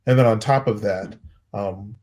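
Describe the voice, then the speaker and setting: Pastor guy in his 30s, lowish voice, earnest and halting, lots of restarts. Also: darkish tone. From United States. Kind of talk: personal storytelling in conversation.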